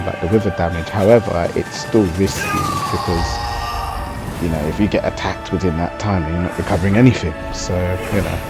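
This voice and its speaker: A man with a low voice talks through gameplay in a casual, explanatory style. He chats conversationally as he breaks things down, with music playing clearly behind him. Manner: explanatory and conversational, often tagging on "you know". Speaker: gaming video commentator. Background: music under the voice.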